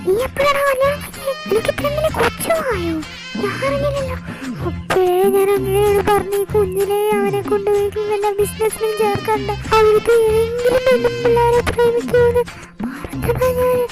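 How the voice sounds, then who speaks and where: A woman's voice: very high-pitched, steady tone, moderate pace, a little mellow. Woman doing a scolding melodramatic mom. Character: scolding dramatic mother of a grown son. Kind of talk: amateur fan audio drama. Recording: background music under voice. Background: music.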